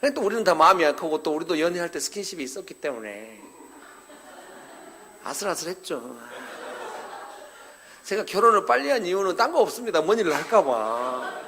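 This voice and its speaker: At a parents' seminar, a pastor preaches in a brisk, sing-song voice of fairly high pitch, leaving long pauses. He tells a story in a conversational way, performs the dialogue, and speaks straight to the older people in the congregation, with background noise audible.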